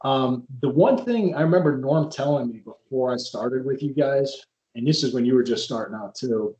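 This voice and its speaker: A male podcast host in a casual interview chat drifts from one wrestling story to the next, rambling and often restarting his sentences. His voice sits at an ordinary middle pitch with a dark tone and normal speed, and the room around him is echoey.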